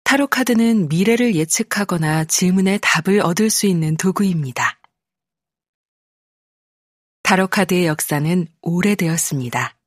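A woman, a professional voice actor, reading an informative audiobook calmly and evenly, close on a studio microphone. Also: lowish voice, normal speed, no room sound. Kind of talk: scripted narration.

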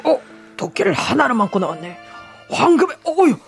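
A woman voicing a greedy, nagging peasant wife who talks fast and exclaims a lot. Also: sits high, sing-song, creaky, faint music behind, exaggerated voice.

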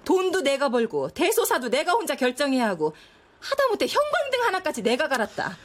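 An actress playing a sharp-tongued, scornful woman in her thirties, arguing with her ex-husband and her mother. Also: sits high, sing-song, a little fast. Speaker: daughter and ex-wife. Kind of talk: TV drama acting.

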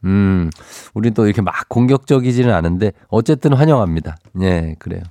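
A man's voice: on the low side, expressive, fairly quick, mellow, no echo. Chatty male radio DJ, dry studio sound. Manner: chatty, playful, reads listener texts aloud. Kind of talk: casual morning radio chat. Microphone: studio microphone.

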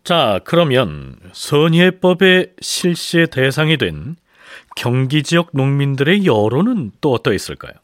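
Lively male history narrator, very dry sound. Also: medium pitch, unhurried, dry recording, soft background music. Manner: rhetorical, storytelling. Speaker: documentary narrator. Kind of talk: dramatic scripted history narration.

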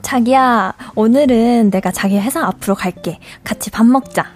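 Fickle young girlfriend read by a woman, airy, offhand, higher voice. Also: normal speed, darkish tone, faint music behind, natural voice. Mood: sweet.

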